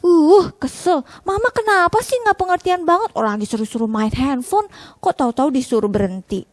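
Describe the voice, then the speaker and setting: A whiny, sulky young child, put on by a woman telling a story to children. The voice climbs high and strained, complaining and feeling unloved, recorded close and dry with no room sound. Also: fairly quick, dry recording, lightly acted.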